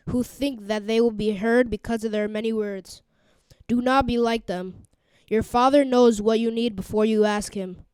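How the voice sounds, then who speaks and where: Woman, reciting at a microphone, measured, formal, smooth voice, dry sound. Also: a little high, darkish tone, no echo. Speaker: school announcer leading prayer. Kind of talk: leading a school morning prayer.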